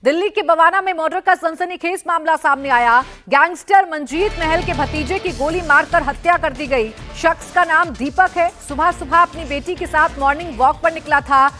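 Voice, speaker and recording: A woman's voice: sits high, normal speed, hardly any pauses, pushed and bright, faint music behind. A woman anchoring a television news bulletin, reading a crime report with urgent, dramatic delivery.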